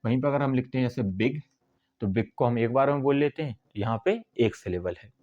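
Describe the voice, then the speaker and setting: A man teaching English basics in a whiteboard lesson, explaining step by step and drawing out syllables slowly. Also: mid-range voice, animated, darkish tone, highs cut off.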